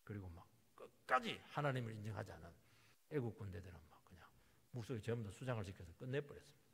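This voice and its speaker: A male pastor delivers a sermon with a raspy, somewhat high voice. His pitch leaps wildly from hushed asides to ringing emphatic bursts. The long reverb of a church hall hangs on every phrase. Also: big pitch swings, quick pace. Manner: vivid, dramatic storytelling with sudden emphatic outbursts.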